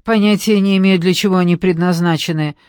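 A woman's voice: lowish voice, fairly even intonation, fast, a little mellow, clean tone, no room sound, clean studio sound, close to an everyday voice. A woman reading an audiobook, voicing a stern middle-aged woman who talks in an indignant, curt, commanding way.

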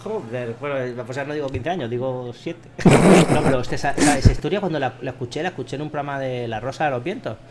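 A man's voice: mid-range voice, fast, very noisy. A man chatting casually with friends, laughing often and telling stories with animation. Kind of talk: casual chat among friends.

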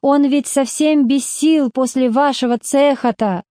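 A woman's voice: on the high side, a little slow, dark tone, dry recording, clean studio sound, lightly acted. A woman voicing a plainspoken working-class mother, blunt, stubborn and speaking in homely folk speech, in a storybook reading. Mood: indignant.

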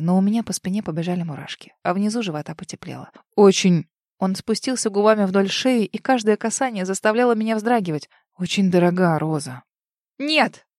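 A woman's voice: mid-range voice, no echo. Woman reading an audiobook, dry and close. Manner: expressive, emotional first-person reading. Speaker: audiobook narrator. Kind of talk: first-person audiobook narration.

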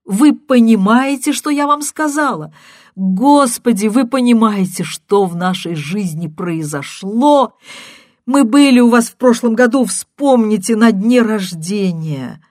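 A woman's voice: lively intonation, a little slow, a little mellow, dry recording, clean studio sound. A woman reading an audiobook and voicing a distraught, deserted wife who pleads and sobs on a phone call. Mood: frantic, tearful. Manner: shrill, pleading, sobbing.

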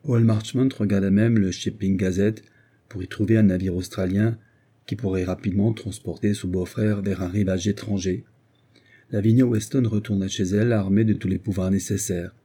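A man reading a classic novel aloud as an audiobook narrator, in a measured, even manner. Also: lowish voice, husky. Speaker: audiobook reader.

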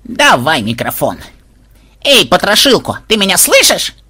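A man voicing a brash, bossy old grandmother with a gravelly, husky voice. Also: fairly high pitch, very animated, normal speed, bright, forceful tone, pitched above the performer's own voice, heavily acted. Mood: commanding. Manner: rough, bossy, mocking. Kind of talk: audiobook character voice.

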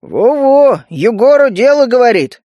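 Man doing a toad mutant, high-pitched, boastful, folksy slang, lively, dry audiobook sound. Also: a little slow, no echo, highs cut off, exaggerated voice. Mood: sarcastic.

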